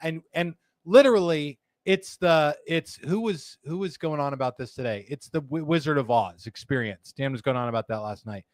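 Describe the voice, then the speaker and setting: A man's voice: on the high side, moderate pace, few pauses, no echo. A man hosting a live cigar show, chatting casually, joking and reading viewer comments aloud. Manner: jokey, rambling, reads viewer comments aloud. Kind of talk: casual live-stream chat.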